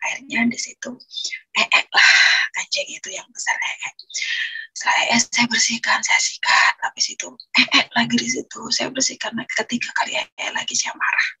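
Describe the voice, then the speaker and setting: A woman's voice: fairly high pitch, huge pitch swings, normal speed, bright, forceful tone, breathy edge, no room sound, whispered, rough recording. A woman, earnestly telling her personal testimony in a rambling way, often restarting her sentences. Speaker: guest giving a testimony.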